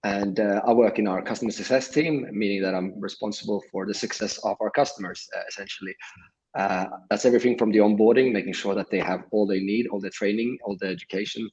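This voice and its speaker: A man from Sweden speaks as a guest over a video call, his voice sitting fairly low. He explains in a measured, steady way, with plenty of small filler words. The audio is dull and lo-fi, like remote call sound. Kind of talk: livestream interview.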